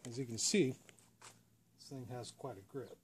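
Standing next to a parked car outside, a man from the United States with an American accent shows off his home-built antenna as a hobbyist host. His medium-pitched voice moves at a moderate pace through a casual, step-by-step how-to, with outdoor ambience and background noise clearly audible.

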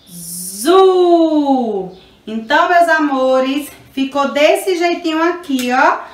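Brazilian woman teacher with a high voice, for a kids' phonics lesson, recorded from afar in a roomy space. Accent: Brazilian Portuguese. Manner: slow, drawn-out syllables with affectionate praise. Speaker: preschool teacher. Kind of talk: remote phonics lesson for young children. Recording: echoey room from far off.

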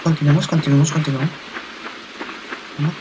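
A man's voice: on the high side, fairly even intonation, fairly quick. A young man commentating on his gameplay, muttering short repeated phrases to himself. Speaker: gamer. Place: small room indoors. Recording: very noisy home gaming recording.

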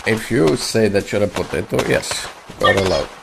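Gravelly deep-voiced gamer teasing his teammate. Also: animated, moderate pace. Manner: teasing, calls people bro. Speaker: mobile game streamer. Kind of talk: casual teasing voice chat while gaming. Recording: noisy game audio behind voice chat. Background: gunfire from the game.

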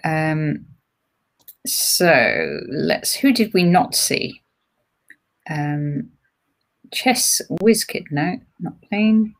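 Lower-voiced English woman co-commentating chess. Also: sing-song, extremely slow, creaky, pauses often. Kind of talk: live online chess commentary.

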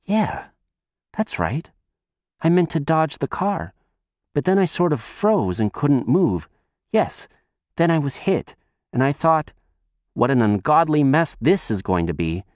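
A man's voice: a little high, big pitch swings, measured pace, pauses often, darkish tone, no room sound, voice pushed up. A man voicing a frightened young boy who has just died, pleading and close to tears. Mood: bewildered. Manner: breathless, pleading, near tears. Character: frightened tearful young boy, recently dead.

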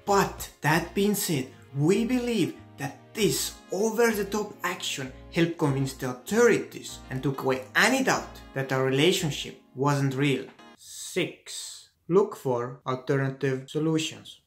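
A man's voice: on the high side, measured pace. A young man with an Estonian accent, giving scripted advice to camera as a video blogger. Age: young adult. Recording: music under the voice. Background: background music.

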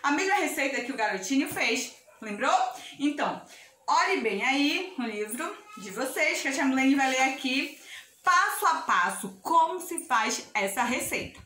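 A young Brazilian woman teaches small children in a high, bright, sing-song voice that swoops up and down. She is unhurried and encouraging, and talks straight to the kids. She is recorded from a distance in an echoey room. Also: expressive, slight background noise. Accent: Brazilian Portuguese. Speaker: preschool teacher. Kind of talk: video lesson for young children.

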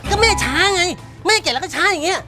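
An actress playing a bossy eldest sibling who talks impatiently and loudly and is fed up with looking after her mother. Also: very high voice, expressive, fast talker, music in the background. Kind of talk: short-film drama acting.

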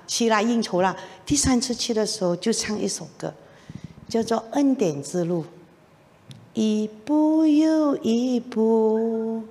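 A middle-aged woman gives her personal testimony from the front of a church, her voice sitting fairly high. She tells the story in an animated way and acts out what others said to her. A long reverb from the hall hangs on every word. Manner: animated storytelling with laughs and acted-out quotes.

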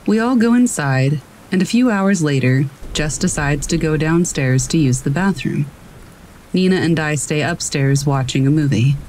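A narrator reads scary stories in a steady, measured way, the pitch sitting right in the middle. Faint rain patters behind the voice throughout. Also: slight background noise, low-quality recording. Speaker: narrator reading horror stories. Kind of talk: scripted storytelling narration.

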